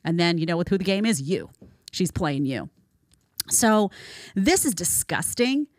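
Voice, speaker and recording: A woman podcast host delivering a commentary monologue, emphatic and opinionated. Her voice sits a little low, recorded close and dry with no room sound. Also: sing-song, unhurried, no echo.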